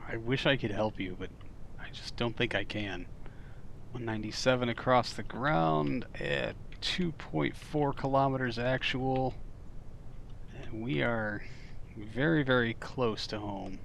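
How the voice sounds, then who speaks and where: A man streaming a game, talking casually and reacting loudly when things go wrong. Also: mid-range voice, a little slow, vocal fry, slight background noise. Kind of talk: live game commentary.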